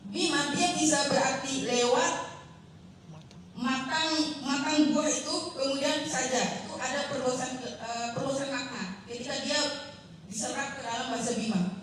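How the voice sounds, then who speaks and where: A young woman giving a seminar presentation, halting and apologetic, with many fillers and self-corrections. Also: sits high, a bit bright, slight background noise. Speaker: student presenter. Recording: very echoey room, voice from far off.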